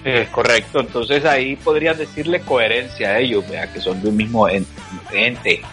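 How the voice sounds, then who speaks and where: Profane Salvadoran man, bright voice. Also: medium pitch, moderate pace, soft background music. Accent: Salvadoran Spanish. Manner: profane, laughing, animated storytelling. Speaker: podcast co-host. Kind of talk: crude casual banter.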